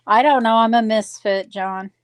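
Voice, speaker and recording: A Wisconsin woman in her sixties chats casually on a livestream while crafting, rambling and correcting herself along the way. Her voice sits fairly high and smooth, with a steady tone and moderate pace.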